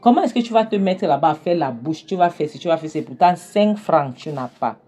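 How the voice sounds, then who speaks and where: A woman voicing a blunt male friend who lectures a broke man, loud and emphatic. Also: extremely low pitch, expressive, brisk, slightly rough, exaggerated voice. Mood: scolding.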